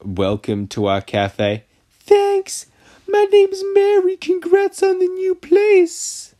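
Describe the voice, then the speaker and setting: A man voicing a perky young woman customer in a cafe game, in a squeaky falsetto with exaggerated sweetness. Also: very animated, slow pace, warm tone, exaggerated voice. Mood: chirpy.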